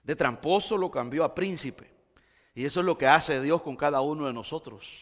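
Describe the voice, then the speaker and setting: A man preaching a sermon, moving from quiet explanation to loud, impassioned exclamations. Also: on the high side, normal speed. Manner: impassioned, swings between quiet and shouting. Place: church sanctuary. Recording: church hall reverb.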